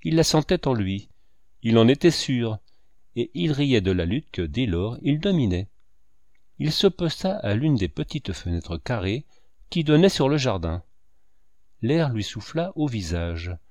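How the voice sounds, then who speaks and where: A man narrating a novel as an audiobook reader in an expressive, measured manner. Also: medium pitch, dry recording, clean studio sound. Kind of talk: literary narration.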